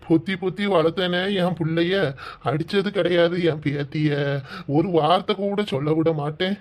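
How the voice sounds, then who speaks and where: A woman's voice: high voice, steady tone, normal speed, close to an everyday voice. A woman voicing a doting old grandmother in a cartoon, lamenting and sobbing in a Kanyakumari Tamil accent. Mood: wailing. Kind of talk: cartoon voice acting.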